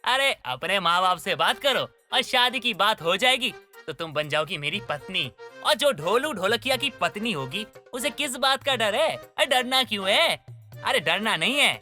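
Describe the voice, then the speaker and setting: A voice actor playing an excitable, goofy young man who sells dhokla in an animated story, talking in comic, over-the-top bursts. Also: medium pitch, normal speed, faint music behind. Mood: coaxing.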